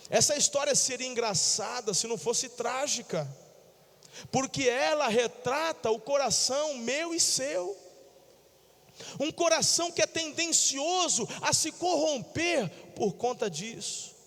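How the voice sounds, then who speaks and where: A man's voice: very high voice, a little slow, a bit bright. A man with a Brazilian accent preaching a sermon, telling a story in a colloquial, joking way and speaking directly to his congregation in a church. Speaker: pastor. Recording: long church hall reverb.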